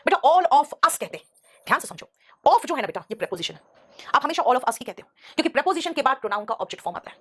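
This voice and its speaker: Middle-aged woman teacher, live online class, fast and a touch high, repeats rules, scolds in asides. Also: big pitch swings. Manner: addresses students as beta, scolding asides; repeats rules, mixes Hindi with English examples. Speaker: English grammar teacher.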